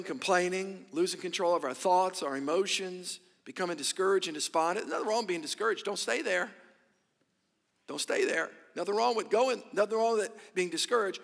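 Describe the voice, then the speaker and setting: A pastor preaching a sermon into a pulpit microphone, emphatic, firing rhetorical questions and calling on the congregation to answer back. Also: male voice, high-pitched, creaky, fairly bright tone. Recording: long church-hall reverb.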